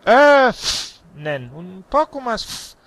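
A man tutoring German pronunciation, patiently correcting sounds and repeating words slowly. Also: on the high side, lively intonation, fairly bright tone, no room sound. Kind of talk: pronunciation drill.

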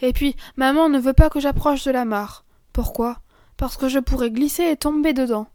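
A woman voicing a gentle little girl who talks earnestly and tenderly. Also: sits high, moderate pace, dry recording, studio quality, voice pushed up, natural voice. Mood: firm.

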